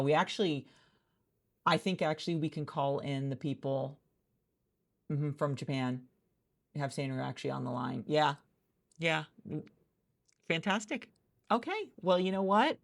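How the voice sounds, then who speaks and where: Playing a hiring manager in a soft-spoken ASMR roleplay, a woman rambles and chats with many restarts, recorded in a friend's office. Her voice is extremely low-pitched and creaky.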